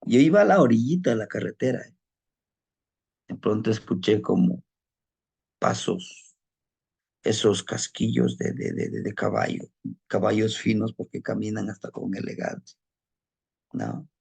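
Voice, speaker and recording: A man's voice: lowish voice, very animated, a little slow, creaky, long pauses, a little mellow, slightly rough. A man telling a personal anecdote in a casual, conversational way, often adding tag questions and repeating words as he searches for them. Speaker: storyteller of spirit lore.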